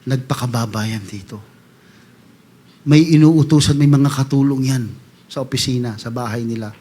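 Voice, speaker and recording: A man preaching a sermon as pastor, animated, voicing congregants in quick asides and rising to loud calls to the congregation. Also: medium pitch.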